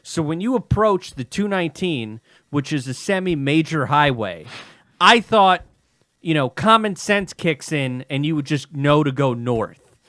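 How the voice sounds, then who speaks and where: A man's voice: on the high side, lively intonation, a little slow, fairly bright tone, dry recording, studio quality. A man, co-hosting a podcast, rambling through directions and teasing his friend in exasperation. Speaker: podcast co-host. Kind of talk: casual chat.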